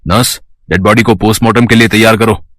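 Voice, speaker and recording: A man's voice: fairly low pitch, fairly even intonation, fast, fairly bright tone, no room sound. A man playing a greedy, scheming doctor. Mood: cold. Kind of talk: storybook drama.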